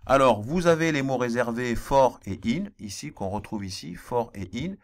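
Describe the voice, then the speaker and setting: A man's voice: mid-range voice, normal speed. A man teaching a programming lesson, explaining step by step and repeating key points, with a slight accent he apologizes for. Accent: non-standard accent he apologizes for. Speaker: math teacher. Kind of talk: screen-recorded programming lesson.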